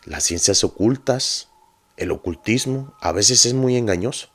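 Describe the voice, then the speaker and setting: A man's voice: lowish voice, lively intonation, unhurried, a bit bright, breathy edge, voice pushed up, heavily acted. A man playing his troubled young friend haunted by nightmares, earnest and pleading.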